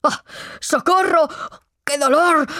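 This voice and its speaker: A woman's voice: lowish voice, steady tone, measured pace, darkish tone, no room sound, studio quality, natural voice. A woman voicing a stern, stubborn middle-aged male priest in a read-aloud story, speaking firmly and solemnly. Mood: pained.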